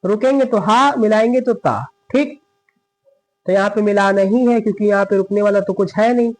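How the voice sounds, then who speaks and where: A man's voice: high voice, darkish tone, low-quality recording. A male Quran teacher giving a tajweed lesson. He stresses the doubled letters, repeats words and corrects himself as he reads verses. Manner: explains quickly in Hindi, recites verses slowly and drawn out. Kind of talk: tajweed lesson with slow recitation.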